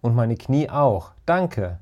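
A kindly old school caretaker , as a man reads him in a storybook, mutters his words with a wry, self-deprecating edge. The tone stays dark and mellow, settled in an ordinary middle pitch. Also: very animated, slow pace, highs cut off. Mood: grateful.

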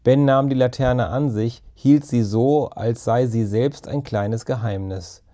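Mellow-voiced male storyteller. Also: medium pitch, measured pace. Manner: calm, even storytelling. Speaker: narrator. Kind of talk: audiobook narration.

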